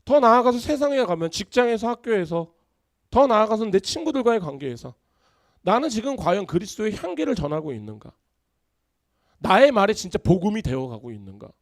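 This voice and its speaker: A man's voice: sits high, very animated, brisk, no echo, clean studio sound. A pastor preaching a Sunday sermon, telling stories and acting out his friends' voices.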